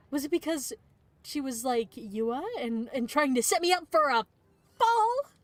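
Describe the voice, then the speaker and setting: A woman streamer reading visual novel narration aloud, breaking off now and then for playful asides. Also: sits high.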